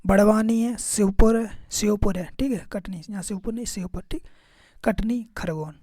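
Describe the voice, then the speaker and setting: Casual and conversational, this exam-prep lesson comes from a man whose dark, mellow voice sits high and moves at normal speed. Phrases like "okay" and "remember this" recur as he quizzes his audience. It's recorded close and dry, without echo.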